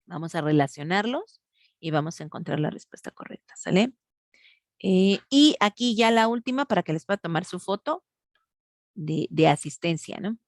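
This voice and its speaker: A woman's voice: lowish voice, animated, normal speed, no room sound, clean studio sound. Patient woman teacher in an online class. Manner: patient, explains step by step, asks students for answers. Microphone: video call.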